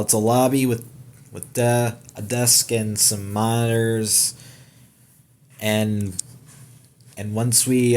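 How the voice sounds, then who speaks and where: A young man hosting a gaming channel, giving a casual, rambling trailer breakdown with many fillers, restarts and casual swearing. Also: fairly low pitch.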